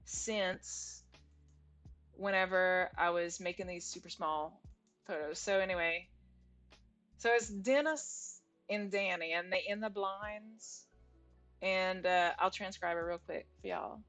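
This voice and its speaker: A woman's voice: medium pitch, fairly bright tone. Chatty Cajun woman thinking aloud. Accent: Cajun Louisiana. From Louisiana. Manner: chatty, rambling, self-interrupting, laughs easily. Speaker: author and livestreamer. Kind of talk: casual think-aloud livestream. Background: faint music and keyboard typing.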